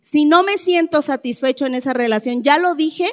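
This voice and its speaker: Emphatic high-voiced woman in echoey hall. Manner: emphatic, drawn-out key words, frequent rhetorical questions. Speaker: speaker addressing a church or group audience. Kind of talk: talk to a live audience.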